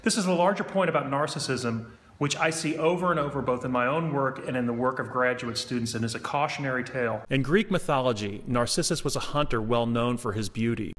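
A man's voice: mid-range voice, a bit bright, big-room sound. A man hosting and narrating a studio practice show, delivering scripted lines with dry irony and a lecturing tone. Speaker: host.

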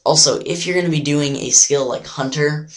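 A man with a hoarse, half-lost sore-throat voice, giving casual game tips commentary in a rambling, hesitant way. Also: on the high side, moderate pace. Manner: rambling, hesitant, thinking aloud. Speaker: gaming video host.

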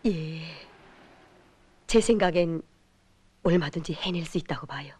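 An actress with a North Korean accent playing a calm, deferential middle-aged woman teacher in a film drama. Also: low voice, unhurried, husky. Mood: calm, assured.

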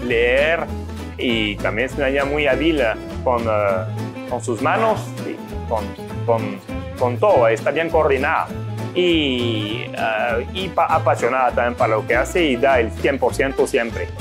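A man in his forties speaking haltingly and proudly about his daughter in an interview. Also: medium pitch, lively intonation, over music. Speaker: contestant's father.

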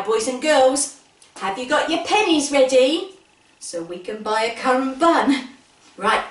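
High, swooping female kids show host. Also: a bit bright. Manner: exaggerated, playful, addresses young children directly. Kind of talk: kids show host storytelling and sing-along. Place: living room with wooden floor. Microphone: camera a few metres away. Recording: roomy, distant mic, music behind.

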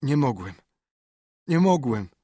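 A man's voice: mid-range voice, animated, measured pace, a little mellow, no room sound, studio quality, voice pushed up. A man voicing a desperate middle-aged drunkard, pleading through sobs in an audiobook. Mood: whimpering. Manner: pleading, sobbing. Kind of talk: audiobook character reading.

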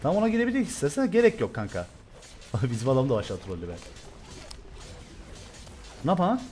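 A young man from Turkey commentating loudly and excitedly on his own gameplay, swearing and shouting at the game. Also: medium pitch, quick pace, slight background noise. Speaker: gaming streamer.

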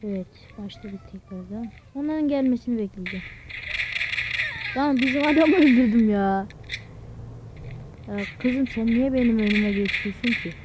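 A young man hosting a mobile gaming channel, giving excitable, casual commentary while he plays and talks to his viewers. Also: very high-pitched, normal speed, pauses often, noisy background. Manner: excitable, keeps urging "vur vur" at enemies and talking to viewers. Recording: loud game sound effects behind the voice.

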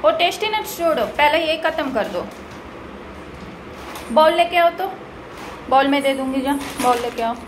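A woman's voice: high voice, expressive, normal speed, pauses often. A young woman talking to her toddler and her viewers at home in a casual vlog, coaxing and playful, mixing Hindi and English. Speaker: vlogger and mother. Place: home kitchen. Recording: home video with clear background noise.

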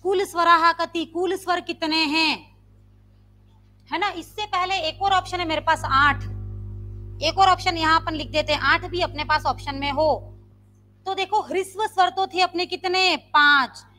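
A woman's voice: very high voice, fairly even intonation, normal speed. A woman Sanskrit teacher, teaching a live online grammar class and quizzing her students with repeated questions. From India. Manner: quizzing students with repeated questions, demonstrating loud and soft sounds.

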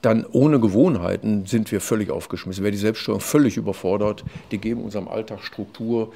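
An older man, a psychology professor, explaining at length in an interview, with many fillers and restarts and a louder voice when he quotes others. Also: lowish voice, fairly quick, creaky, a little hiss or hum. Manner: animated, loud when quoting others. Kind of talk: conversational explanation.

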